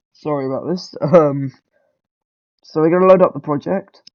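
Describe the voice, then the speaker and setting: A tutorial maker who has a cold talks casually through a beginner coding tutorial, rambling, correcting himself, and filling gaps with lots of ums and throat clearing. His voice is on the high side and a little slow, and the recording is muffled.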